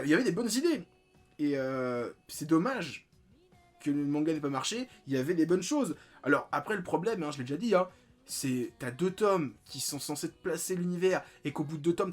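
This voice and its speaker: Chatty man reviewing manga. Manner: rambling, many fillers and restarts, lively swings in pitch. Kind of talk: casual spoken book review.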